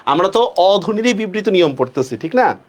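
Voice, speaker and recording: Lively male teacher drilling pronunciation rules. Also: high-pitched. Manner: asks students frequent check-questions; stretches words slowly when stressing rules. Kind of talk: online class lecture.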